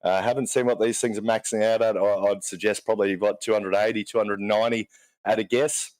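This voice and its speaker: A man giving live sim racing commentary, chatty and quick to laugh as he talks through a lap. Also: fairly low pitch, steady tone, darkish tone, no echo, low-quality recording.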